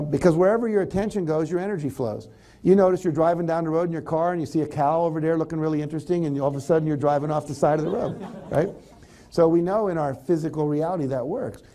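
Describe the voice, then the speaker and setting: A man's voice: a little high, quick pace, mellow. A man giving a conversational motivational talk to an audience, animatedly acting out example thoughts. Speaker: motivational speaker.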